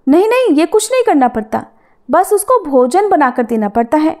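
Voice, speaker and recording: Woman doing the devotee's wife, frank homely village lady, high voice. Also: big pitch swings, moderate pace, darkish tone. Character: Trilochan's wife, plain-spoken devout village woman.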